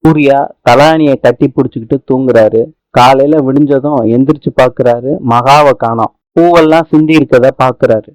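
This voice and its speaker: A man's voice: mid-range voice, normal speed, darkish tone, clear, resonant tone, no echo, low-quality recording. A man narrating a recap of a TV serial episode in a plain, matter-of-fact way. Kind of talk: casual storytelling recap.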